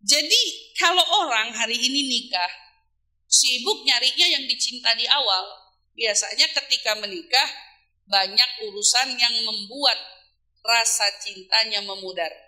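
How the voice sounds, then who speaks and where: Bright high-voiced woman preacher. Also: measured pace. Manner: lively, asks rhetorical questions and answers them. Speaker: Islamic preacher. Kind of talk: casual religious talk to women.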